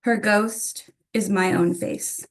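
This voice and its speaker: A woman's voice: mid-range voice, fairly even intonation, takes it slowly. A woman from Atlanta reading her own poetry at a literary reading, with informal introductions to each piece. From Atlanta, United States. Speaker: poet reading own work.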